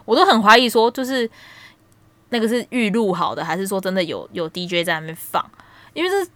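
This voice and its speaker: Animated woman telling stories. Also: medium pitch, brisk, no room sound. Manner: animated storytelling, laughs a lot. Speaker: podcast co-host. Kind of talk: casual chat.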